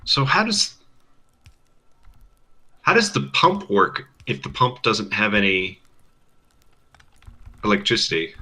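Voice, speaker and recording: A man's voice: fairly low pitch, big pitch swings, slow, pauses often, bright, forceful tone. A man in casual chat while playing a game with his brother, wry and talking through what he is doing.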